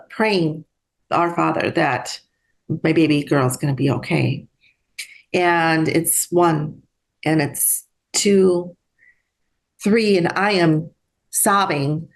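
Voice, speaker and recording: A middle-aged woman, a guest, telling a personal story in an earnest, halting way with restarts. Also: on the low side.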